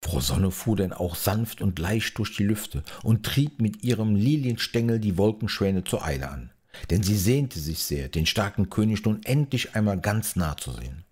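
Deep, husky-voiced fairy-tale narrator. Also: male voice, animated, normal speed, a little mellow. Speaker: audiobook narrator. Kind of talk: fairy-tale audiobook reading.

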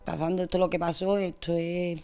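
A young woman with an Andalusian accent, giving a distressed, rushed account as an interviewee. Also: on the low side, little pitch movement, dark tone. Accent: Andalusian Spanish. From Spain. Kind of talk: emotional testimony.

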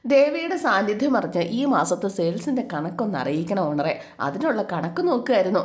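A woman's voice: mid-range voice, sing-song, a little fast. Casting: chatty woman storyteller, casual recap with friendly asides. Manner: chatty, amused asides to listeners. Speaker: storyteller recapping a family serial.

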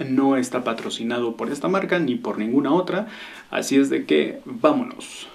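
Enthusiastic man reviewing perfumes. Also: mid-range voice. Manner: enthusiastic, savoring sighs and exclamations. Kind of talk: casual review vlog.

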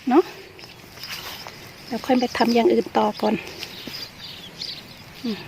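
Out in a rural garden, an older woman vlogs while gardening, chatting casually and pointing things out show-and-tell style. Her voice is fairly high and slow with little pitch movement, and the outdoor recording carries clear background noise.

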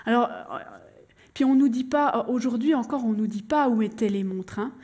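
Animated woman storyteller on stage. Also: fairly high pitch, moderate pace. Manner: animated, addresses the audience, acts out scenes. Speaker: stage performer telling a true story. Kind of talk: lively stage storytelling to an audience.

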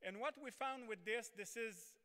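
A man's voice: very high voice, normal speed, bright, forceful tone, smooth. A middle-aged man lecturing at a conference podium with a French-Canadian accent, earnest and sometimes repeating words as he looks for the phrasing. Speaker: sports science professor. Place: large conference hall stage at a podium. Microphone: podium microphone. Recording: reverberant conference hall.

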